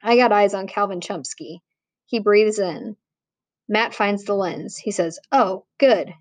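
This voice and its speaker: Dry, measured woman audiobook reader. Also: mid-range voice, no echo. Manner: plain, measured, with small restarts. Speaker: audiobook narrator. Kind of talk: audiobook reading.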